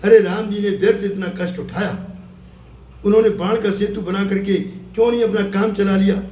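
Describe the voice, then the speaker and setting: A man's voice: high voice, fairly even intonation, fairly quick, dark tone, close to an everyday voice. A man voicing a boastful male warrior archer in a devotional tale, speaking in a challenging way. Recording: echoey room, mic far off, faint hum.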